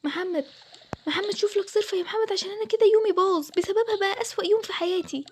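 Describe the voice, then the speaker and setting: A woman's voice: sits high, steady tone, racing, a little mellow, slight background noise. A woman voicing a young bride who is upset and complaining, in an Egyptian accent. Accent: Egyptian Arabic. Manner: complaining, pleading. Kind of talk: Toca Boca roleplay voiceover.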